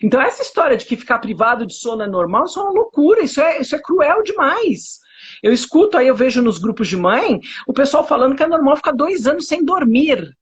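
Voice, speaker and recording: Animated, husky Brazilian woman therapist. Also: high-pitched, fairly quick. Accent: Brazilian Portuguese. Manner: emphatic, indignant, rhetorical questions. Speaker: psychotherapist. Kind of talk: conversational interview. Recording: dull lo-fi audio.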